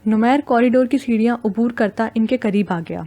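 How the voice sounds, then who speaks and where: A woman narrating a romantic novel in a steady, storytelling manner. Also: fairly high pitch. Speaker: audiobook narrator.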